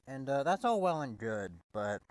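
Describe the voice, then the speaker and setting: A man's voice: mid-range voice, very animated, moderate pace, no room sound. A man giving a casual, swear-heavy wrestling review, exasperated and full of restarts. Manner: profane, exasperated, stumbling restarts.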